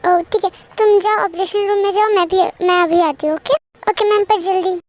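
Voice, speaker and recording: A young woman narrating and voicing the roles of an amateur fan dub drama in a rushed, dramatic way. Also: extremely high pitch, steady tone, no room sound.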